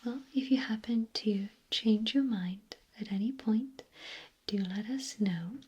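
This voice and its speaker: A woman performs a whispered role-play as an ASMR clinic examiner. Her voice is an airy, unvoiced whisper with very little tone in it. She takes her time, phrasing things gently and softly, as if questioning a patient. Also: on the high side, slow, husky, lo-fi sound.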